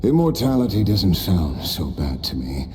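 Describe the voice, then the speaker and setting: Voicing a game's immortal, driven male warrior who looks back on his past, a man speaks low and sing-song at normal speed in a large hall. The performance is reflective and wry, dotted with quiet laughs.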